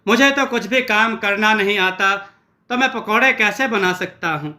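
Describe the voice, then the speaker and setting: A man's voice: high voice, normal speed, bright, forceful tone. A man voicing a timid, lazy young cook who frets over every task. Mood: fretful.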